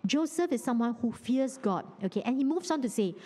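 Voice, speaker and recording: A woman with a Singaporean English accent giving a lively, conversational sermon, teasing and quizzing her audience. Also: fairly high pitch, brisk, breathy edge, long reverb tail. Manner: animated, teasing, asks the audience questions. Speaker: preacher.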